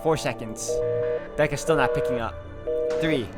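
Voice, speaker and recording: A let's player with a medium-pitched voice reads visual novel narration at normal speed and adds his own improvised reactions, with game music in the background.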